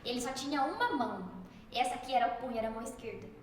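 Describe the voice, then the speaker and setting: A woman giving an emotional faith testimony, talking fast to her viewers and fighting back tears. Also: on the high side, expressive. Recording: echoey room with long reverb, faint noise.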